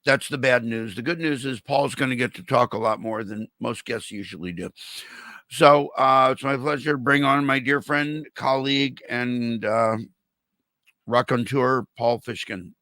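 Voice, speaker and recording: Older guy hosting a chat show, crisp bright sound, very dry, talks like his mouth's swollen, kinda halting. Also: mid-range voice, dry recording. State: impeded speech from a swollen, infected mouth. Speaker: interview show host. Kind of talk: casual chat.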